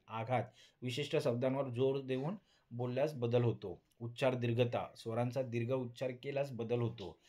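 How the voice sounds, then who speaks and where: A man's voice: mid-range voice, a little mellow. A man giving a recorded lecture, reading out points, repeating them and often restarting words. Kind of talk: recorded Marathi linguistics lecture.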